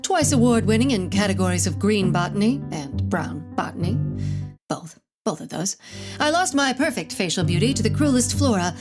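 A haughty, self-important botanist voiced by a woman in a comedic audio drama. She sounds proud and pompous in every line, delivered at a middle pitch. Clear music plays under her voice. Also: expressive, normal speed, lightly acted.

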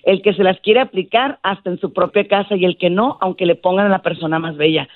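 A woman's voice: fairly low pitch, fairly quick, narrow, tinny audio. A Mexican woman, a psychologist guest on a radio show, giving firm, preachy relationship advice in casual talk. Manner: firm, preachy advice addressing listeners as "señores".

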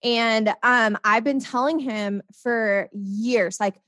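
A young woman talks in a relaxed, upbeat way, her speech quick to pile on fillers as she goes. Her voice sits a touch high. The recording is close and very dry, with no room sound. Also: no echo. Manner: upbeat, animated, many "like" fillers. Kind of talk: casual chat.

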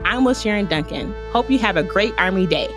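A woman's voice: medium pitch, expressive, a little fast. An American woman reading a scripted podcast outro as an announcer. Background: background guitar music.

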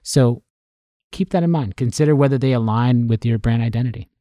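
Relaxed man podcast host. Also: medium pitch, fairly quick, no room sound, studio quality. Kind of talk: casual chat.

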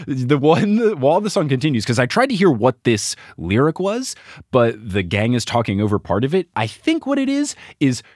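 A man's voice: mid-range voice, wildly swooping pitch, normal speed, a little mellow, no echo, clean studio sound. A man hosting a podcast, recapping a cartoon episode in a wry, chatty way. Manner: chatty, wry storyteller, keeps score. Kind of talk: casual chat.

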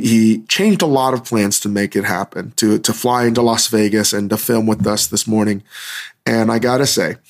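Male podcast host, hungover, gravelly fry in a mid-pitched voice, rambling casually and musing as he goes.

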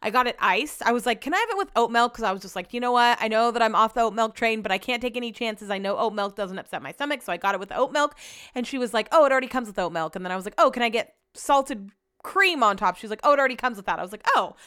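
A woman's voice: fairly high pitch, lively intonation, fast, pushed and bright, clean tone, dry recording, studio quality. A young American woman with a slight slushy lisp on her s sounds, chatting casually and slangily as she recounts stories on her own podcast. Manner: chatty, slangy, animatedly quotes herself and others. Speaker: podcast host.

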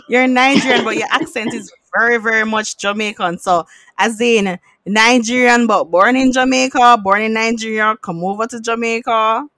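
Woman host asking curious questions, bright voice kinda high, dry close mic. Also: fairly even intonation, moderate pace, no echo. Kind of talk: interview questions.

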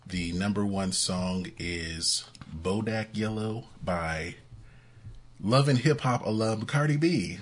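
A man's voice: lowish voice, slow. A man co-hosting a casual music podcast, chatty and laughing often between points. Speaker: podcast co-host.

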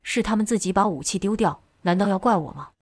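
A woman's voice: mid-range voice, quick pace, husky, no room sound, clean studio sound. A woman voicing a sneering, resentful young lightning wielder. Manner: sneering, defensive.

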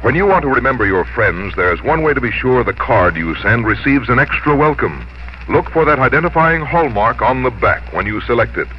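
A man's voice: medium pitch, expressive, fairly quick, a little hiss or hum. A man working as a radio announcer, delivering formal scripted copy in 1950s broadcast style. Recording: dull 1950s radio recording, faint music.

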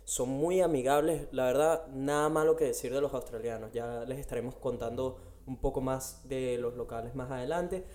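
A man's voice: medium pitch, steady tone, normal speed, hardly any pauses, a little mellow. A Latin American man, co-hosting a casual podcast and laying out its topics. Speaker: podcast co-host. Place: Australia.

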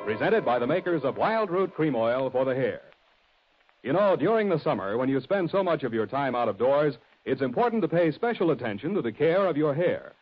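A man's voice: medium pitch, sing-song, a little fast, slightly rough. An American man announcing in the chipper manner of a 1940s radio ad. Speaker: radio announcer and sponsor pitchman. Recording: dull old radio recording, music.

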